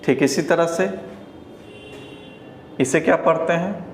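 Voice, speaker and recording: A man with a Hindi accent teaching English pronunciation at a board, repeating each word slowly and with care. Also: fairly high pitch. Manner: slow, deliberate, repeats each word several times. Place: classroom with a board. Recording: echoey room with faint ambient noise.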